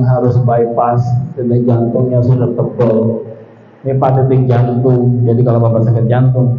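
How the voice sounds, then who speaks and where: A man giving a health talk as a religious teacher to villagers. He speaks animatedly, firing rhetorical questions at the crowd, and his pitch leaps high for emphasis. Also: slight background noise. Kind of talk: public address to villagers. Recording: roomy, dull lo-fi sound.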